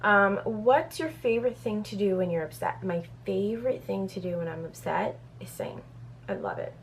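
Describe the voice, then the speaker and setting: A mid-range, sing-song, creaky voice at a moderate pace belongs to this Brazilian woman in her thirties. The beauty vlogger casually reads Q&A questions from a sheet, filling gaps with "um", while a little hiss or hum runs behind.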